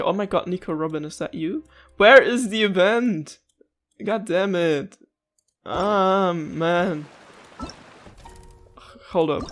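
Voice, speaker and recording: A man's voice: sits high, fairly bright tone. A man hosting a gameplay video, chatting casually in a rambling, easily sidetracked way.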